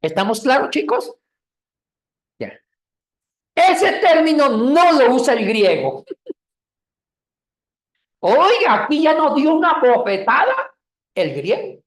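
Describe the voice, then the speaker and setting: A woman leads a Bible lesson in a classroom. Her pitch jumps around a lot as she explains and jokes with the students. The room is echoey. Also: slow pace, long pauses, far from the mic. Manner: lively, calls on students by name, jokes. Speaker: Bible teacher.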